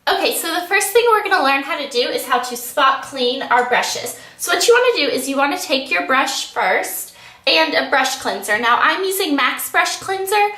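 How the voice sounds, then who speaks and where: Congested young woman with a bright voice. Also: sits high, expressive, normal speed. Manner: chatty, apologetic, frequent ums. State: congested, stuffy nose. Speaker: beauty vlogger. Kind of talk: casual tutorial chat.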